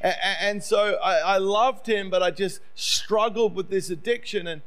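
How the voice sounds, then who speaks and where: A middle-aged Australian man, preaching as a visiting speaker, shares his personal testimony in a conversational, self-deprecating sermon. His voice sits high and is a bit bright, at a moderate pace.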